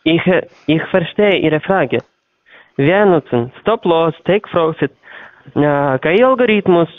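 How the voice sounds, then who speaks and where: A man with a foreign, non-native accent in German, speaking haltingly as he searches for words on a sales phone call. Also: fairly high pitch, lively intonation, no room sound. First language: not German. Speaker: phone sales agent for trading platform. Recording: tinny, narrow-band phone line.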